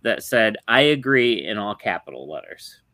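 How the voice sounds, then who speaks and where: A man's voice: lowish voice, sing-song, normal speed, sharp tone, dry recording. A young married man co-hosting a podcast, chatting casually with wry, joking asides. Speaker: podcast co-host. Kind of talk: casual chat.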